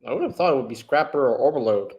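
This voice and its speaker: A man's voice: medium pitch, animated, fast talker, muffled recording. A man hosting a live discussion, talking casually in a laid-back way and breaking into laughter easily. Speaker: channel host.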